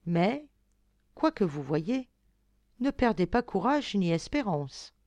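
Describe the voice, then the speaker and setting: A woman voicing a kind fairy-tale fairy and mother, speaking softly, gravely and caressingly. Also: mid-range voice, big pitch swings, slow, dry recording. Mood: tender.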